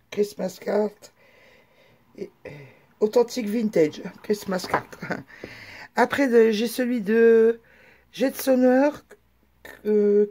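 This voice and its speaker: A woman with a warm, mellow voice hosts a casual show-and-tell video. She talks in a chatty, halting way, often pausing on fillers and restarting her sentences. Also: medium pitch, a little hiss or hum. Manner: chatty, hesitant with many fillers. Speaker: craft vlogger.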